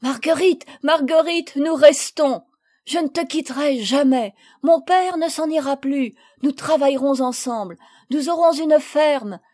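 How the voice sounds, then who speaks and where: A woman's voice: high voice, a little slow, pitched above the performer's own voice. A woman reading the part of an affectionate young son, speaking eagerly with rising, exclaiming phrases. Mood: excited. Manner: excited, breathless, exclaiming.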